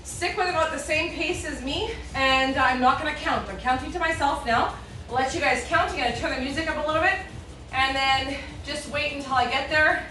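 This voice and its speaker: A woman's voice: high-pitched, brisk, sharp tone, a little hiss or hum. A woman leading a home workout class as an aerobics instructor, calling out counts, form cues and encouragement. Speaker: fitness instructor. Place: indoor room, virtual workout video. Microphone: distant from the speaker. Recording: echoey room, distant mic, music behind.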